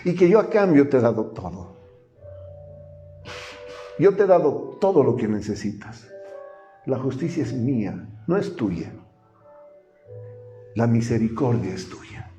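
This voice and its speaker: Man, pastor preaching, warm mellow voice, roomy church sound, soft music behind. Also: medium pitch, very animated, a little slow, long pauses, dull audio. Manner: asks the congregation questions and acts out quoted speech. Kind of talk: sermon. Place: church hall.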